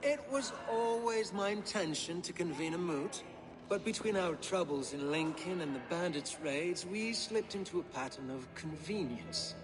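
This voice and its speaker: A man's voice: high-pitched, animated, normal speed, in a large hall. An actor playing a courteous, formal Saxon nobleman in a video game.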